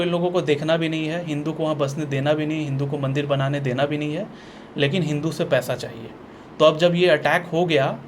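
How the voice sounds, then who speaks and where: Man, slightly raised pitch, blunt sarcastic vlog rant, restarts and repeats lines, faint hiss behind. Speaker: vlogger. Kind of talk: ranting opinion vlog.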